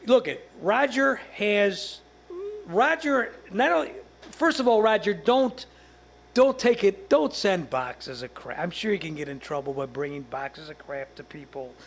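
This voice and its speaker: A man's voice: sits high, lively intonation, measured pace, vocal fry, a little hiss or hum. A man hosting a show in casual studio banter, rambling and stammering as he tells stories.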